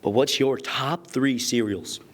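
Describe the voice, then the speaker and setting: A man's voice: medium pitch, measured pace. A young man doing casual, joking street interviews as a student reporter, slangy and upbeat.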